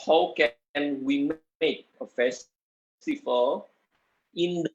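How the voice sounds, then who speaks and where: Halting, slow-talking man on a muffled call. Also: fairly high pitch, a little hiss or hum. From Indonesia. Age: 30s. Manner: hesitant, many fillers and restarts. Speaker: guest lecturer, architect. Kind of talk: halting lecture in non-native English.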